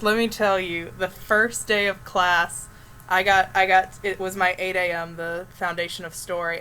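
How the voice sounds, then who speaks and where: A young woman with a mid-range voice chats casually while she streams, friendly and easygoing. She tells her stories in a relaxed way, with a faint hiss of noise underneath. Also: mid-range voice, rough recording. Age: young adult. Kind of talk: casual chat.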